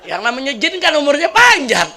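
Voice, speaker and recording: A man preaching a sermon, telling lively stories with jokes and questions to the audience. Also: very high voice, brisk, a little hiss or hum.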